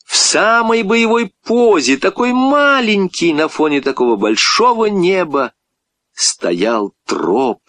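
A man reading a children's story aloud with expressive, swinging delivery. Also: high voice, slow pace, dry recording.

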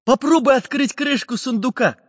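A man's voice: very high voice, moderate pace, voice pushed up. A man voicing a cheerful, boyish magic artist who speaks eagerly. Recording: dull lo-fi with long reverb.

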